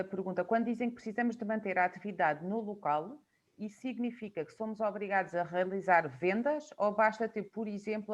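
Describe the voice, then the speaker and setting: A woman with a European Portuguese accent moderating a webinar, reading out audience questions with hesitant "eh" fillers. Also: mid-range voice. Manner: hesitant, fills with "eh". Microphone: video call.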